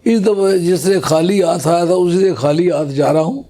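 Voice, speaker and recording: Mellow-voiced male religious scholar. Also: high-pitched. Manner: explanatory, recites Arabic phrases slowly. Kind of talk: scholarly religious talk to a gathering.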